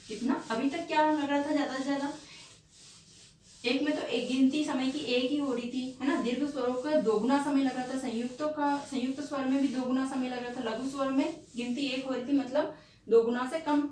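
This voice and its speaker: A woman teacher giving an exam-prep grammar lesson, explaining step by step and asking and answering her own questions, sometimes slipping in English words. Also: sits high. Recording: echoey room, distant mic, faint background noise.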